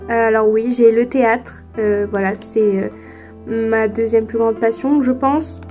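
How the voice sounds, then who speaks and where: A woman's voice: fairly high pitch, steady tone, a little slow, mellow, faint music behind. A teenage girl from France answering viewer questions in a casual vlog, chatty and hesitant with lots of fillers. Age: teens. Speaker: youtuber.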